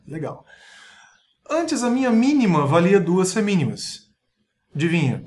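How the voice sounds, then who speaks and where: A man's voice: on the high side, slight background noise. Man counting rhythms aloud. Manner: explains step by step, counting aloud and chanting rhythms. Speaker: music teacher. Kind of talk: online music lesson.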